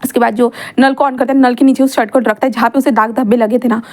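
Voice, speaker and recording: A woman's voice: fairly high pitch, steady tone, quick pace, darkish tone. A woman telling a fan fiction story casually, chatty, with many fillers and self-corrections.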